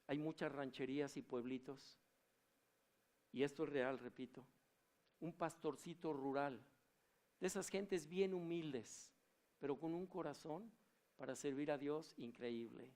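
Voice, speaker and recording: Animated preacher man. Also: a little high, measured pace, long pauses. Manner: animated, storytelling, asks the congregation questions. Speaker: pastor. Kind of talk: sermon.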